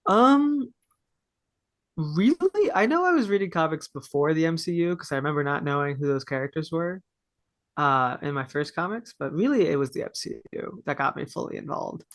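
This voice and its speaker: A man's voice: fairly high pitch, lively intonation, moderate pace, no echo. A man in his early twenties from Texas, answering a podcast interview in a thoughtful, earnest way with a few fillers. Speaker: podcast guest. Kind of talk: casual interview chat.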